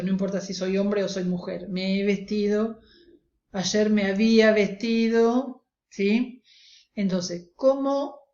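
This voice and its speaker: A woman's voice: mid-range voice, warm tone. Lady teacher walking students thru grammar, keeps checking they follow, echoey dull-sounding recording. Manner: explanatory, often checks in with the class. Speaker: language teacher. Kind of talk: recorded lecture.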